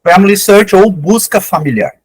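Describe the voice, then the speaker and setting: A man's voice: high-pitched, lively intonation, normal speed, husky, poor audio. Older man lecturing with enthusiasm. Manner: enthusiastic, conversational explaining. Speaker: guest lecturer, genealogist. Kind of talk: online lecture presentation.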